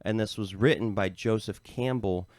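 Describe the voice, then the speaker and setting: An American man co-hosts a podcast, his lowish voice moving at a normal speed on a dry recording. He explains a topic in a relaxed way, leaning heavily on fillers like "um" and "like."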